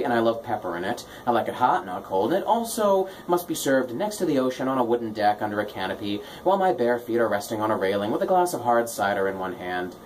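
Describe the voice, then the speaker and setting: A man's voice: medium pitch, a little mellow, slight background noise, rough recording. A man hosting a radio show with casual comic patter, tongue-in-cheek and self-deprecating. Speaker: radio host, DJ.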